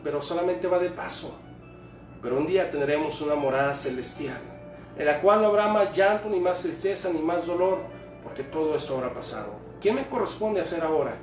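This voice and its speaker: A man preaching a sermon in an earnest, repetitive cadence. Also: on the high side. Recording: roomy, distant, faint music behind.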